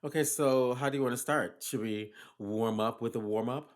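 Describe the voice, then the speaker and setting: A man's voice: medium pitch, normal speed. A man in his fifties co-hosting a podcast, playful and joking, laughing often and stumbling over words. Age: 50s. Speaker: podcast co-host. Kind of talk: casual chat.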